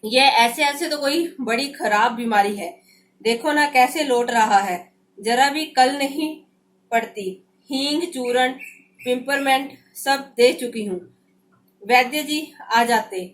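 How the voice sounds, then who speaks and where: A woman's voice: high voice, takes it slowly. A woman teacher reading aloud the lines of a worried mother fussing over her sick son, in an anxious, pleading tone.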